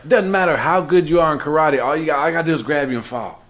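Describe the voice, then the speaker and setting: A man in casual chat, joking and jumping in with quick remarks. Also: on the high side, a bit bright.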